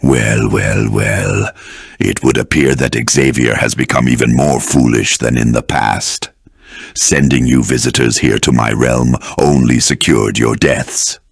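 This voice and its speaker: A man playing a sinister, mocking psychic villain in a video game, with a gravelly, husky voice. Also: a bass voice, unhurried, dry recording, studio quality, full character voice. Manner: mocking, menacing. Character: sinister gloating Shadow King, evil psychic entity. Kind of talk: scripted video game character acting.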